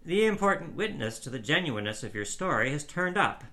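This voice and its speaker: A cool, judicious gentleman weighs every word in a dry, measured manner, played by a male reader. His voice is bright and clear, close to the reader's own, and he speaks with the level pace of a storybook reading. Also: a little high, big pitch swings, voice pushed up, exaggerated voice. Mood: kindly. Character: calm, judicious gentleman on a park bench.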